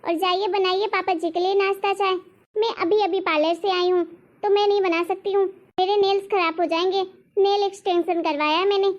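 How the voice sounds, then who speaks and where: A woman voicing a vain young sister-in-law in an animated story, answering back with mockery. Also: extremely high pitch, brisk. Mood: mocking. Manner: mocking, sharp-tongued. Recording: dull lo-fi recording.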